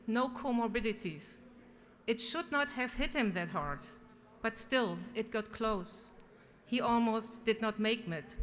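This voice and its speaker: A woman legislator giving an earnest, prepared floor speech. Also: a little high. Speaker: state legislator. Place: large legislative chamber. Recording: echoey hall with clear background noise.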